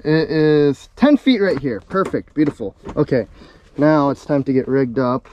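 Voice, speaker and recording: A man's voice: on the high side, expressive, normal speed, highs cut off, background noise. A young man hosting a fishing vlog, chatting casually as he shows lures and rigs his line inside a small ice fishing shelter, recorded on a camera mic. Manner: laid-back, chatty, talks while rigging gear. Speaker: fishing channel host. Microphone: camera mic, then head-mounted action camera.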